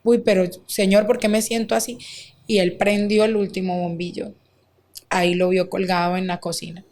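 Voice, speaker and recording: A woman, a guest recounting a deeply painful personal story, acting out quoted dialogue with many fillers. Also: little pitch movement, moderate pace, darkish tone. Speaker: interview guest. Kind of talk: emotional personal testimony.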